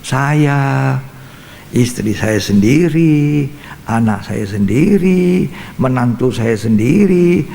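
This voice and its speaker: A man's voice: medium pitch, expressive, takes it slowly, vocal fry, dark tone. An older man preaching a Bible study sermon as pastor, emphatic and repetitive, acting out scenes, in a reverberant church hall.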